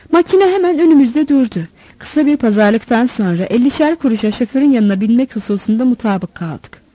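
A woman reading a story aloud in a steady, measured way. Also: a little high, dry recording, poor audio. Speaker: narrator.

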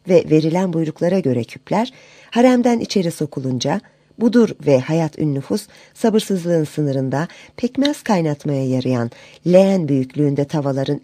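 Expressive woman narrating a folk tale. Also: on the low side, no echo. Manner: measured and expressive. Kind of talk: storybook narration.

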